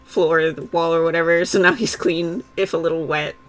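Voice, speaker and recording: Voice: medium pitch, steady tone, moderate pace, fairly bright tone, a little hiss or hum. A player in a tabletop game, talking casually and laid-back about what their character does.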